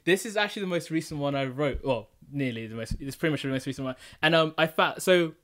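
A man's voice: fast, fairly bright tone. Laid-back man explaining his rap songs. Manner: low-key, reflective explaining with frequent restarts. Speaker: podcast host presenting his own rap songs. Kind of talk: casual podcast chat.

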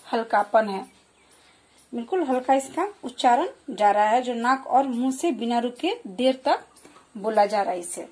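High, husky-voiced woman teaching children. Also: lively intonation, darkish tone. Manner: slow, clear explaining with repeated example words. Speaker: primary school teacher. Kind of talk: children's Hindi lesson.

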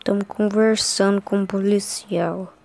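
A woman's voice: medium pitch, steady tone, unhurried, gravelly, darkish tone. Casting: Brazilian woman as a scared horror game streamer, mid-range voice, casual and anxious. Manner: scared, anxious, repeating short phrases. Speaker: gaming streamer.

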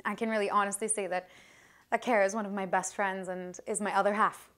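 A woman in her thirties, the maid of honor, giving a heartfelt wedding toast into a handheld microphone in a reception hall, pausing and restarting as she speaks. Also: mid-range voice, little pitch movement, fairly bright tone. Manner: heartfelt, earnest, with many restarts and pauses.

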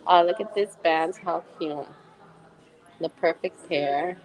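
A woman in her fifties walks through a shop while streaming live on her phone. She talks at an easy, unhurried pace, gushing over what she sees, laughing a lot and greeting viewers by name. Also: lowish voice, darkish tone, low-quality recording. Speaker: vlogger hosting a live stream. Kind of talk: chatty live shopping stream. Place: indoor retail shop.

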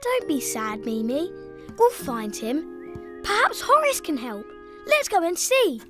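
High-voiced, eager little cartoon cat. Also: wildly swooping pitch, slow, over music, full character voice. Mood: helpful, kind. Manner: encouraging, clearly articulated questions to viewers. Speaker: lead character addressing young viewers. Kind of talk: preschool animated show dialogue.

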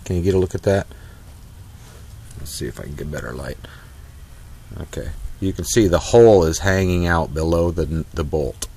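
Standing on a driveway next to a trailer, a man vlogs an off-the-cuff repair in a low, mellow voice with a breathy edge. He talks at normal speed with long pauses, rambling folksily through plenty of fillers and restarts.

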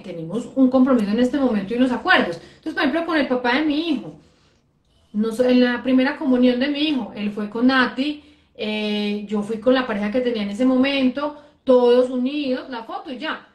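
Woman host, high voice, anecdotal chat, roomy echoey sound. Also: brisk. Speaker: host, life coach. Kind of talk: casual chat.

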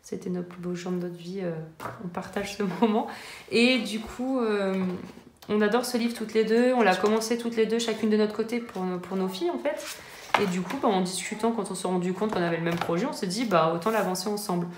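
A woman's voice: mid-range voice, a little fast. A woman in her thirties casually chatting about her coloring books, full of fillers and restarts. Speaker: coloring-book vlogger. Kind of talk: casual chat showing her book collection. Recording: echoey room with faint noise.

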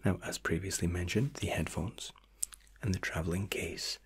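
A man's voice: deep voice, moderate pace, husky, heavily acted. A man in his thirties in a whispered role-play as an attentive, reassuring first-class flight attendant with formal, soothing service patter.

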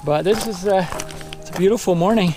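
A middle-aged man talks casually while hiking, his voice a little high and slightly wheezy. He sounds tired and not fully over an illness. He is outdoors, recorded at arm's length, with clear music behind him. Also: brisk. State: tired, recovering from respiratory illness. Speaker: vlogger. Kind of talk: casual vlog chat. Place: outdoors on a desert trail. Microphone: camera at arm's length. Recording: outdoor trail audio under music.

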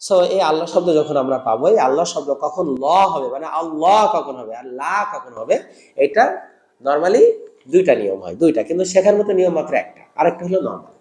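A man's voice: a little high, expressive, fast talker, darkish tone. Guy teaching quran reading, repeats rules over and over, roomy echo. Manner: repeats rules in call-and-response drills. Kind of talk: step-by-step lesson with slow drawn-out recitation drills.

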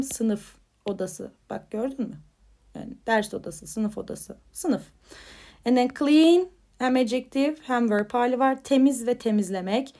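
A woman teaching English vocabulary to Turkish learners in a chatty, informal way. She says each headword with a lift and then explains it more quietly, checking in with "tamam mı?". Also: on the high side. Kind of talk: vocabulary lesson.

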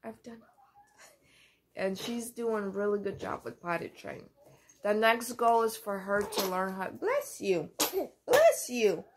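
A young woman vlogging about motherhood in a casual, candid way, with many fillers and pauses. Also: medium pitch, fairly even intonation, noisy background. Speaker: mom vlogger. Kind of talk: casual vlog talk.

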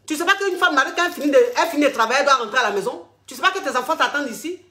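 A woman's voice: high-pitched, animated, pushed and bright, pitched above the performer's own voice. A woman voicing a jealous, controlling husband who scolds his wife for going out after work. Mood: indignant. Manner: indignant, rapid scolding. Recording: roomy echo.

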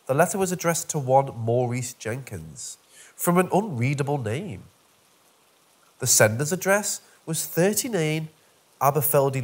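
A man narrating a scripted first-person horror story with wry, dark humour. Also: medium pitch.

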